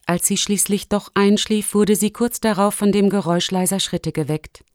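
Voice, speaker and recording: A woman narrating a children's story in a calm, measured storytelling manner. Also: mid-range voice, dry recording, studio quality. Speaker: audiobook narrator.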